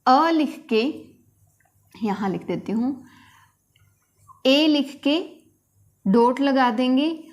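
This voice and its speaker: Brief: woman teacher, fairly high voice, slow and patient, explains step by step while writing. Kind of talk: phonetics lesson at a board.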